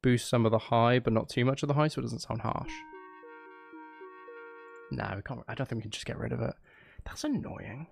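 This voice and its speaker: A man streaming his music-making live rambles casually to viewers, thinking aloud with frequent pauses. His medium-pitched voice is gravelly and brisk, set against music and synth sounds.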